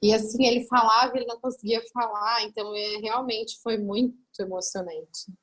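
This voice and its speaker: A woman mentor in her thirties speaks with a fairly high voice over a video call. She recounts a personal story with feeling and acts out the dialogue as she goes. She breaks off and restarts her sentences when moved. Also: steady tone, normal speed, fairly bright tone. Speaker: group mentor.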